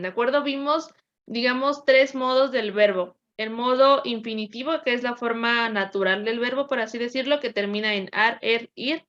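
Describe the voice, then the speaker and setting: Woman teacher, fairly high voice, patient call-and-response drilling, dull lo-fi sound. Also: a bit bright. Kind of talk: classroom lesson.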